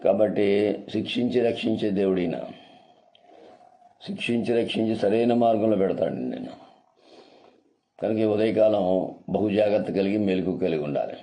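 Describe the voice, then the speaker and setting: A man preaching a sermon in a deep, very dark voice. He drives his points home with repeated phrases and rhetorical questions. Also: normal speed, pauses often. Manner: emphatic and repetitive, with rhetorical questions. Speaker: pastor.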